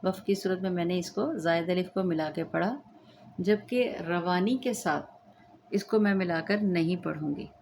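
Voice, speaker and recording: A woman's voice: lowish voice, normal speed, gravelly, darkish tone, a little hiss or hum. A woman teaching the rules of Quran recitation, patiently explaining step by step and checking that students understand. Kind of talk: slow tajweed lesson with chanted recitation.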